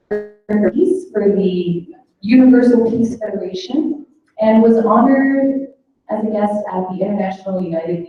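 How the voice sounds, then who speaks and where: A woman introducing the next speaker at an event, reading from notes with a few ums. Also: mid-range voice. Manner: reads introduction with filler ums. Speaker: event announcer. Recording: distant, echoey, dull hall sound.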